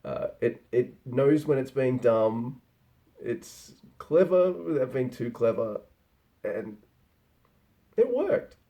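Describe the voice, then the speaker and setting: A man's voice: medium pitch, big pitch swings, slow, dark tone. A man giving a casual spoken film review, rambling and conversational, with frequent restarts.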